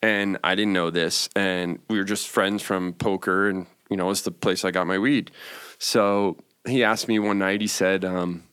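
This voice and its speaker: Low-voiced man in his forties. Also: steady tone, normal speed, fairly bright tone, smooth. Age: 40s. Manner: rambling, many fillers and restarts. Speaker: interview guest, cannabis business owner. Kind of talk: casual storytelling interview.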